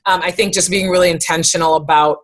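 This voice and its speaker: East coast woman chatting as a podcast guest, kinda low voice, lots of likes and rights. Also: steady tone, fast. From United States East Coast. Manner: chatty, says "like" and "right" often. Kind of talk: casual interview talk.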